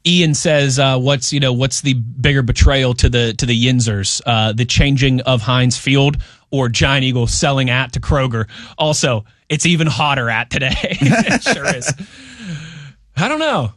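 A man's voice: medium pitch, a little slow, no room sound. Man, sports radio host, easygoing banter, dry close sound. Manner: relaxed, chatty, laughs often. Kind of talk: casual sports talk.

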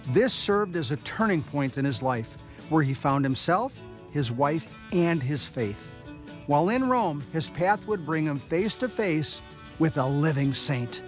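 A man's voice: on the high side, animated, a little slow. Earnest middle-aged man hosting, upbeat. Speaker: host. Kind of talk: scripted show introduction and interview. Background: background music.

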